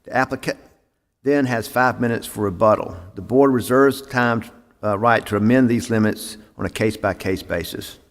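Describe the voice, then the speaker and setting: A man's voice: on the low side, normal speed. A man chairing a city board meeting, reading procedure formally with frequent "uh" fillers, on a meeting microphone. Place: city hall meeting chamber. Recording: echoey council chamber.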